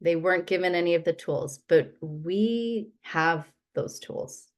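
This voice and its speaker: Slow, low-voiced woman hosting a circle. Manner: affirming, spiritual wording. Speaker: host leading a women's sharing circle. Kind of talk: group facilitation.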